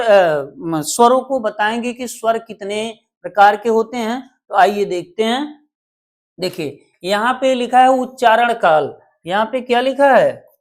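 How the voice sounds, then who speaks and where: A woman teaching a Hindi grammar lesson for exam preparation, explaining slowly and repeating points with questions to her viewers. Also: fairly high pitch.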